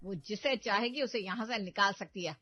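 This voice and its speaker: A woman's voice: mid-range voice, moderate pace, no echo, dull audio, close to an everyday voice. Woman voicing a bossy scheming mother. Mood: domineering. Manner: loud, domineering, scolding.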